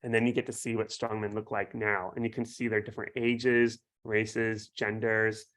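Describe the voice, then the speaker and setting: A man's voice: on the low side, flat delivery, moderate pace, fairly bright tone. A man speaking as a guest author, explaining things casually in an enthusiastic, friendly way. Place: home basement.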